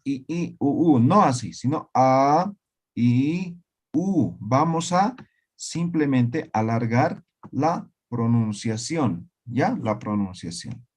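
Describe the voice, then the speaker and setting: Teaching an online language class, this high-voiced man goes slowly through repeated words and keeps making sure his students can keep up.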